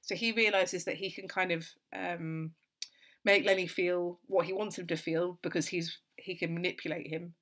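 A woman tutor giving an exam-revision literature lesson, explaining in a steady, thoughtful way with lots of "so" and "kind of". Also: fairly low pitch, moderate pace.

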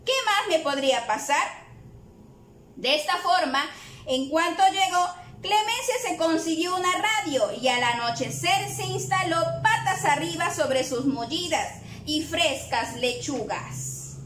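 A woman teacher reading a storybook aloud to children in an animated way, in an echoey room. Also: very high-pitched, unhurried, a little hiss or hum. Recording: echoey room with faint ambience.

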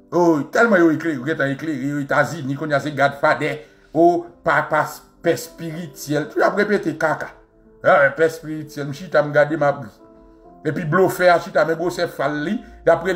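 A man with a Haitian Creole accent, hosting a show and delivering an impassioned, mocking monologue. He repeats phrases and swings between loud outbursts and low asides. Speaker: radio show host.

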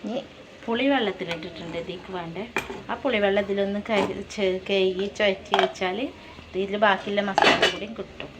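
A woman's voice: mid-range voice, steady tone, normal speed, very noisy. A woman, a home cooking vlogger and mother, chatting casually to viewers as she cooks and tagging friendly asides onto her sentences. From Malappuram, Kerala. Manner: chatty, keeps adding friendly tag questions to viewers. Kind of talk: casual cooking vlog narration. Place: home kitchen while cooking. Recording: loud clattering pots, dishes and stirring.

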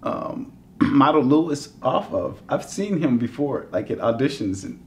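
In a dim hotel room, a middle-aged man who works as a voice actor is the guest in a casual interview chat. He is an animated storyteller who acts out quotes and laughs giddily and easily, speaking at a moderate pace in a medium-pitched voice.

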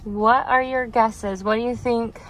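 A woman's voice: on the high side, steady tone, measured pace, fairly bright tone. A woman hosting a family vlog, casually asking relatives for their guesses in chatty style. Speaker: vlog host, expectant mother.

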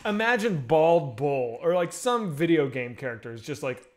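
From a home room with bookshelves, a thirtysomething podcast host leads a casual video call over a headset mic. He speaks at normal speed with a fairly high pitch, and his crude stories come out full of energy.

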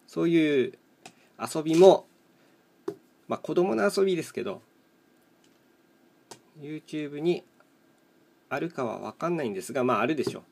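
A man's voice: fairly high pitch, animated, normal speed, gravelly, pauses often, a little mellow. A man casually commentating as he plays, thinking aloud in short, matter-of-fact fragments. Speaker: host of a solo mahjong chat video and live streamer. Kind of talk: casual rambling commentary while playing tiles.

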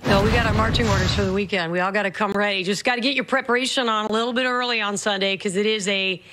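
A woman's voice: medium pitch, steady tone, fast talker, fairly bright tone, slight background noise. A woman co-hosting a postgame studio broadcast, wrapping up the game. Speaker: studio co-host. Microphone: handheld mic.

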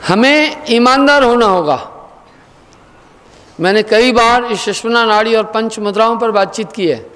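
A man giving a spiritual discourse, earnest and questioning, sometimes chanting verses slowly. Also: sits high, fairly bright tone. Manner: sings verses in slow chant. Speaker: spiritual teacher. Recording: long hall reverb.

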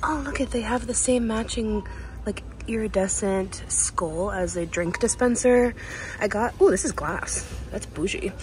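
A young woman talking excitedly to her viewers while filming herself shopping in a large store, gushing over items she finds. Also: mid-range voice, unhurried, slight background noise, low-quality recording. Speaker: lifestyle vlogger. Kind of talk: casual shop-with-me vlog. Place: large retail store, indoors. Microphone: handheld phone at arm's length. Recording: in-store background ambience.

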